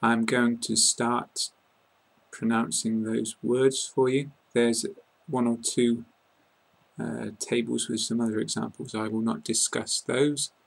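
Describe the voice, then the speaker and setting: A man with a British English accent giving a slow, careful pronunciation lesson, saying each word deliberately. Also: medium pitch, little pitch movement, gravelly, rough recording. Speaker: English teacher.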